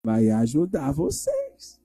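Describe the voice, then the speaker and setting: Male pastor, children's sermon, lively pitch, unhurried, asks kids questions, husky, dark mellow tone. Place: church.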